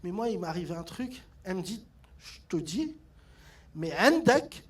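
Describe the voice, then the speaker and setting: A man doing a stand-up comedy set on stage, telling stories with lively delivery and mimicking his mother. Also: sits high, normal speed. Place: theatre stage with audience laughter.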